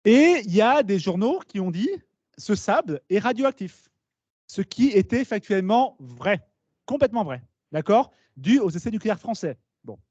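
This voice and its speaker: A man giving a lively conference talk to students, explaining with asides and questions to the audience. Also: sits high, normal speed, no room sound. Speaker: speaker at a talk. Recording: dull, slightly lo-fi meeting recording.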